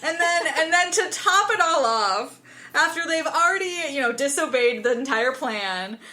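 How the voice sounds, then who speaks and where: Woman podcast co-host, high bright voice, lively retelling, slight background noise. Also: moderate pace. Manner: animated, acts out characters' lines in quotes. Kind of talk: casual book-club chat.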